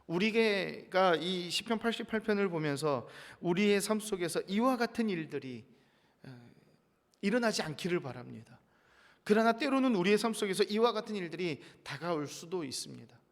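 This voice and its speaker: High-voiced pastor in a reverberant church. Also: male voice, animated, normal speed, creaky. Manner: earnest, reads scripture aloud in a rising voice. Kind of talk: dawn sermon. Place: church sanctuary.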